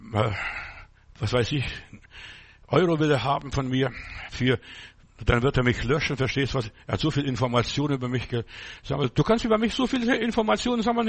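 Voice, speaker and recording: A pastor preaching a sermon in an emphatic way, with many short asides and a steady stream of interjections. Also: male voice, a little high, gravelly, slightly rough.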